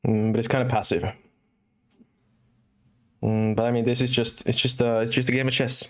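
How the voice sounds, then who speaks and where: A man's voice: mid-range voice, flat delivery, moderate pace. A young man from Finland with a Finnish accent that mixes in British and American English. He streams chess casually, thinking aloud with many fillers and restarts. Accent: Finnish, with British and American English mix. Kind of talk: casual live-stream commentary.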